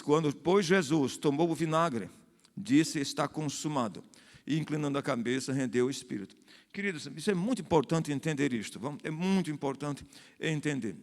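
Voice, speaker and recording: Brazilian pastor in a reverberant church. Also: male voice, on the high side. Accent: Brazilian Portuguese. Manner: explanatory, repeats and restarts phrases, asks the congregation "né?". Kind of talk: Bible study sermon. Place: church hall. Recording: long hall reverb.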